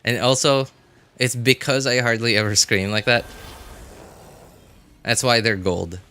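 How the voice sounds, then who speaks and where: A game livestreamer offers casual live commentary, thinking aloud in short, informal remarks and chatting with viewers over game music. His medium-pitched voice is steady, unhurried, bright, and forceful.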